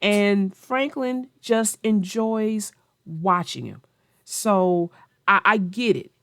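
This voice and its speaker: Reading a picture book aloud for children, a woman narrates and discusses the story in plain, explanatory language. She takes her time, with a medium-pitched, slightly bright voice, and the recording is dry and studio quality.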